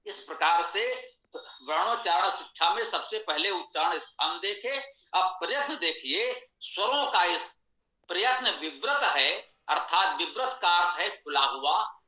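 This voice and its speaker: A male teacher with a high, bright voice gives a Sanskrit lesson at an unhurried pace. He explains patiently, repeating each point. The sound carries an echo from the room. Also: animated. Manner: slow, patient explaining with repetition. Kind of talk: online lesson lecture.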